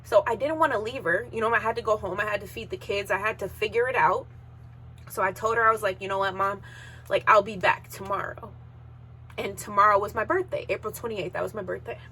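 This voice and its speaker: A woman in her thirties shares a painful personal story on her podcast, her voice bright and forward. She talks in an emotional, unpolished way and at times holds back tears. A faint hum sits under the recording. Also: mid-range voice, fairly even intonation, fairly quick. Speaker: podcast host.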